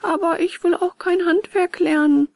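A woman voicing an excitable young wooden puppet boy in a storybook reading, high and often whispered. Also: normal speed, vocal fry, no echo, clean studio sound. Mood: sulky.

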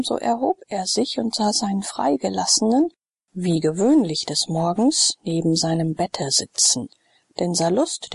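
A woman reading a classic novel aloud in measured audiobook narration. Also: medium pitch, creaky, husky, no room sound.

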